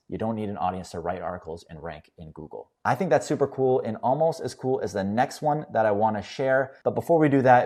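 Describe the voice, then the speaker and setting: A young man hosting a casual screen-share tutorial, explaining each step in an upbeat, relaxed way. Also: on the low side. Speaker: host.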